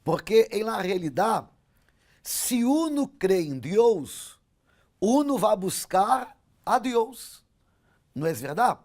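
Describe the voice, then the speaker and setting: A male bishop interviewing a guest, speaking slowly with a lively, rising and falling pitch. He makes measured, clarifying remarks and checks them back with her.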